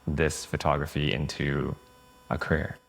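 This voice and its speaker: A man's voice: rumbling low, monotone, unhurried, vocal fry, fairly bright tone. A man hosting a podcast, asking loose rambling questions and laughing often. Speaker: podcast host. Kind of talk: casual interview hosting.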